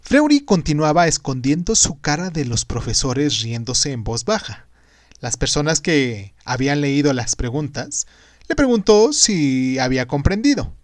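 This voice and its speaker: Guy narrating a scripted story, really lively and dramatic, dry close sound. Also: fairly high pitch, unhurried, dry recording. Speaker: podcast host and narrator.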